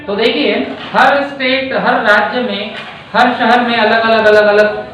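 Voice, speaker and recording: A male teacher from India explaining a lesson slowly, using everyday examples and often checking in with his students. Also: very high-pitched, steady tone, bright, forceful tone. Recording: echoey room, distant mic, faint noise.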